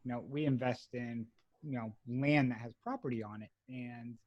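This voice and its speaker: A man's voice: medium pitch, steady tone, moderate pace, no echo. A talkative podcast host with a Boston accent, rambling through his questions with plenty of "uh"s. His voice sits mid-range and is recorded dry and close, with a slightly dull, lo-fi tone. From Massachusetts. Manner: chatty, rambling, many fillers. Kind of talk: casual interview.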